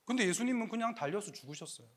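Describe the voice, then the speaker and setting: A male pastor preaching a sermon to young adults, animated and joking, with lots of rhetorical questions. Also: high voice, very fast.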